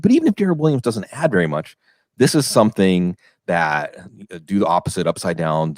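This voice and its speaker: A man's voice: low voice, dry recording, clean studio sound. A man from western Pennsylvania hosting a fantasy football podcast, rambling and asking questions in a casual chat. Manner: talkative, rambling, asks questions.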